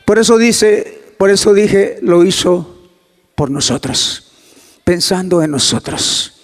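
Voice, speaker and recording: A male pastor preaching a sermon, swinging from soft near-whispers to loud emphatic climbs and acting out dialogue in a hushed voice. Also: high voice, expressive, takes it slowly, big-room sound. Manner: acts out quoted dialogue in a hushed voice.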